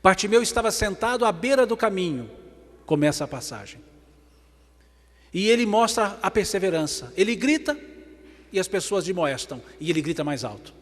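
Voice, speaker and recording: A man with a Brazilian Portuguese accent giving a religious lecture, swinging between emphatic loud passages and hushed ones. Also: sits high, big pitch swings, moderate pace. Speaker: spiritist lecturer. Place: large event hall. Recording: long hall reverb.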